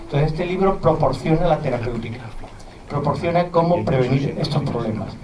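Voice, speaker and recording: A middle-aged man with a mild Andalusian accent lectures earnestly to an audience of parents, slipping in conversational asides. His fairly high voice is picked up from a distance. It echoes around a roomy hall with faint noise underneath. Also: lively intonation, fairly quick, a loud crowd. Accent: mild Andalusian Spanish. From southern Spain. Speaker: physician and university lecturer.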